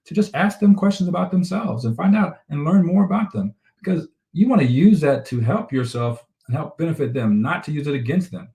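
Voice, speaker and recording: A man, a relationship coach, talking fast and energetically in a casual conversation about relationships. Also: a little high, darkish tone, echoey room. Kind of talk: casual conversational talk show.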